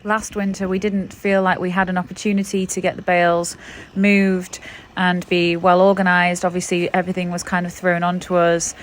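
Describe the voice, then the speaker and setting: A woman farmer giving a clear, matter-of-fact voice-over explanation. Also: lowish voice, monotone, moderate pace, slight background noise. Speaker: farmer and vlogger. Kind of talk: voice-over narration.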